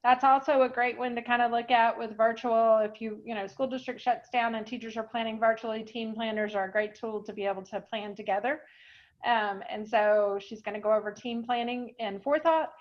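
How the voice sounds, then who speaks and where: A woman presenting an online software webinar, explaining in a chatty way with many fillers, a little out of breath. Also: a little high, fairly even intonation, fairly quick. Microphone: video call. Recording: dull lo-fi online call audio.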